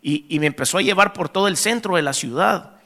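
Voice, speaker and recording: A man with a Salvadoran accent preaching a testimony sermon, telling a story in lively fashion and addressing the congregation as brothers. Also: high-pitched, fairly quick.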